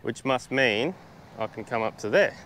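A man's voice: medium pitch, expressive, normal speed, fairly bright tone, a little hiss or hum. Laid-back Australian man vlogging outdoors. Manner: chatty, laid-back, with many fillers and restarts. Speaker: travel vlogger. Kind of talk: casual vlog narration. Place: outdoors on a beach. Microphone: small camera-mounted mic.

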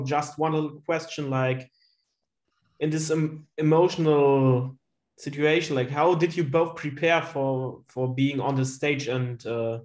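A man's voice: fairly high pitch, echoey room. A man asking a press interview question as a reporter joining by remote call. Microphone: video call.

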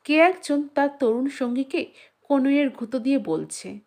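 In a high-sitting voice, a woman tells a literary short story, following a written script. She keeps the storytelling measured and expressive.

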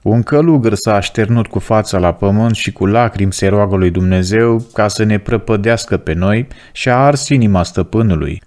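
A man's voice: lowish voice, few pauses, darkish tone, close to an everyday voice. A man voicing an anxious male devil captain sent as a messenger, read in a plaintive storytelling voice.

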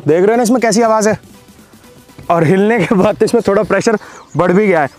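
A man's voice: high voice, fast, soft background music. A young man hosting an experiment video in an open field, casually explaining and calling out instructions to a helper. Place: open grassy field outdoors.

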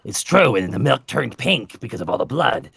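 A man's voice: mid-range voice, sing-song, moderate pace, gravelly, a bit bright, breathy edge, dry recording, clean studio sound. A man playing a tabletop roleplaying game in casual, chatty, sweary in-character banter.

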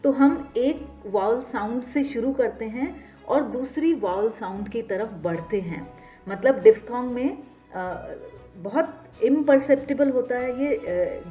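A woman with an Indian accent teaching English phonetics, patiently explaining and repeating example words. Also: a little high. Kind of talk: explanatory lesson, mixing Hindi and English. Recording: slightly dull lo-fi recording with soft background music.

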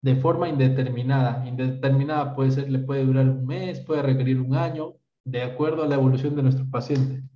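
A thirtysomething Peruvian doctor answers questions in an online medical lecture, talking briskly with hardly any pauses. His mid-range voice keeps a fairly even intonation as he lays out steps and repeatedly checks "¿está bien?" in Peruvian Spanish. The video call recording is roomy, distant, and dull.

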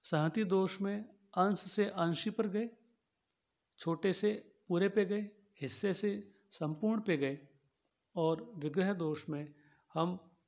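A man giving a logic lesson, explaining patiently and restating each point in simpler words with everyday examples. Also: high-pitched. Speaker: philosophy teacher. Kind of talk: lecture on logic.

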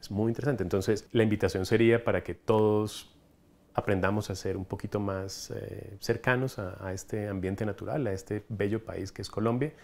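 Animated man from coastal Ecuador, lowish voice. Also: normal speed, gravelly. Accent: Ecuadorian coastal Spanish. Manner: animated, enthusiastic storytelling with hand gestures. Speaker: entomologist, collections coordinator. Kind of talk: documentary interview. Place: large collection room lined with specimen cabinets, indoors. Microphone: lapel mic.

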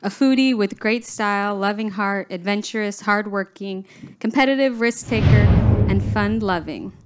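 A woman's voice: medium pitch, normal speed, clear, resonant tone. A woman giving a fond wedding speech, listing praise. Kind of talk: wedding toast.

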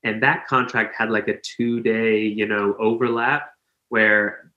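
A young man in his twenties from Pennsylvania speaks with a bright, forward tone. He chats in a friendly way and fills pauses with ums. His webcam picks up a noticeably roomy echo. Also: on the low side, level tone, muffled recording. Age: 20s. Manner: friendly, uses lots of ums. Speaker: guest, professional dancer. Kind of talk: casual interview chat. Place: indoor living room. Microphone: video call webcam.

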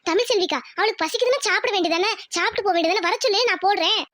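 A woman's voice: very high voice, very fast, fairly bright tone, no echo. A woman voicing an indulgent, fussing village mother in a cartoon, scolding her son fondly. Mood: indulgent, fussy. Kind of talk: Tamil cartoon voice acting.

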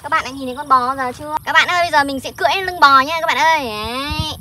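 Excited high-voiced woman vlogging outdoors. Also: rapid-fire. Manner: excited, chatty, often calls out to viewers. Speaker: vlog host. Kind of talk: playful outdoor vlog chat. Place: outdoors in a farm field. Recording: noisy outdoor recording.

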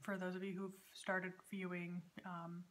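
A woman's voice: fairly low pitch, monotone, unhurried, slight background noise. A woman in her thirties hosting a casual, chatty vlog from a room at home, talking in a hesitant way. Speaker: knitting podcast host. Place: dining room at home, indoors.

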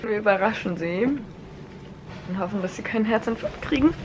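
A woman's voice: mid-range voice, animated, moderate pace. A young woman in her twenties chatting casually into a handheld camera for her vlog, laughing often and dropping English phrases. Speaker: vlogger. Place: car, hotel room and outdoors. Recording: noisy handheld vlog audio.

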